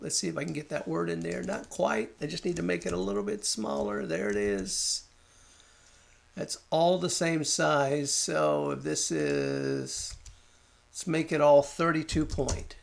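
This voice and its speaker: A man talking through a design software tutorial, thinking aloud and muttering at the program as he works, with keyboard and mouse clicks behind him. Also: on the high side, vocal fry. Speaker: design instructor. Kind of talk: screen-recorded software tutorial.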